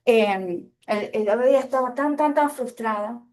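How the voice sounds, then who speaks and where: A woman preaches in a church. She slows down to lean on verses from scripture and puts questions to her congregation. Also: high-pitched, a little mellow. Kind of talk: sermon.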